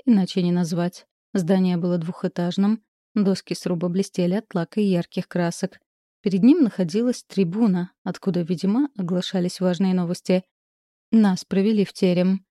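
A woman narrating a first-person audiobook and speaking the heroine's sharp-tongued lines. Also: fairly low pitch, dry recording, studio quality.

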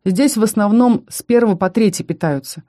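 A blunt, protective young student, scornful toward his rivals, as a woman reads him. The voice stays mellow and close to the reader's own, with a slightly lowered tone. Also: a little fast, close to an everyday voice. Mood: explaining.

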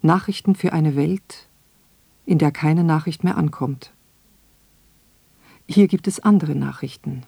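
A woman reading her own radio essay in a slow, measured, reflective way. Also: low voice, vocal fry, warm tone, slightly rough, dry recording. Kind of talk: scripted radio essay narration.

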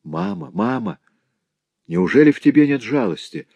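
A man's voice: fairly low pitch, animated, moderate pace, no room sound, dull audio. A man reading aloud and voicing a kind young girl who pleads earnestly, in a dry recording. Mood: pleading. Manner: imploring, heartfelt.

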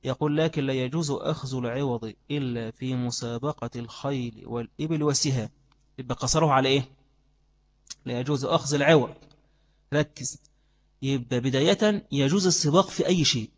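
Male religious-law teacher, Egyptian accent, call-and-response classroom delivery, mid-range voice, long hall reverb. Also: medium pitch. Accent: Egyptian Arabic. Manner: quizzes students with repeated questions, then answers himself. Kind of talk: classroom lecture.

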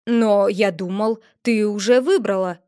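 A woman's voice: medium pitch, a little slow, mellow, clean tone, dry recording, studio quality, lightly acted. A woman voicing a middle-aged king who sounds fatherly, hesitant and placating, in an audiobook. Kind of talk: audiobook character voice.

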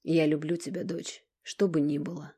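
A woman voicing a solid middle-aged father who speaks calmly and gently, sighing as he pleads. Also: deep voice, normal speed, slightly rough. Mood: pleading.

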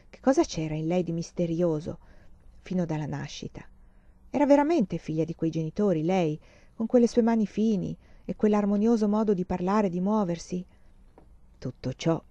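Brief: a woman audiobook reader, measured and expressive, lowish voice, dry close recording. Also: dry recording, dull audio. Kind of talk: literary audiobook narration.

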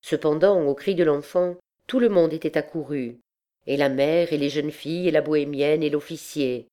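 Low, mellow woman reading aloud. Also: normal speed. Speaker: audiobook narrator. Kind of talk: scripted narration.

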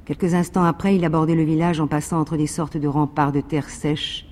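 A man reading a literary novel aloud in a measured, even narration, with a long reverb behind his voice. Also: a little high. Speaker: reader.

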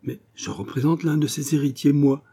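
A man voicing an excitable, plain-spoken provincial middle-aged woman. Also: on the low side, a little fast, lightly acted. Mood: excited.

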